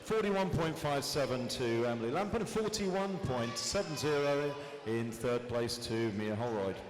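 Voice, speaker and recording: A man's voice: medium pitch, unhurried. Chatty male announcer over a PA system. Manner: relaxed, chatty commentary between the listings. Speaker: swimming meet announcer. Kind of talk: live announcing and race commentary. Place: indoor swimming pool hall. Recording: echoey PA sound in a large hall, with noise.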